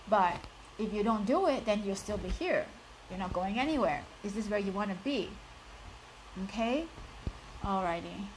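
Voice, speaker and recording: Poor audio with a little hiss or hum captures a medium-pitched woman in her thirties who has a strong Singaporean accent. She's a life coach delivering a live motivational talk, speaking straight to her viewers in a direct, encouraging way and filling her speech with "like" and "you know."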